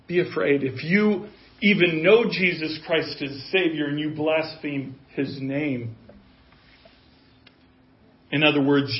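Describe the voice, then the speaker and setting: A man in his fifties preaching a sermon in an earnest, conversational way, rising to emphasis. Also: medium pitch. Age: 50s. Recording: dull lo-fi audio.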